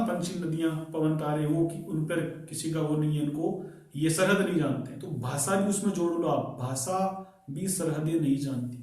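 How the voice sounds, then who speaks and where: A man's voice: on the high side, darkish tone. A male teacher giving a grammar lecture, asking his students rhetorical questions as he explains. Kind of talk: classroom lecture on English grammar. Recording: very echoey room, voice from far off.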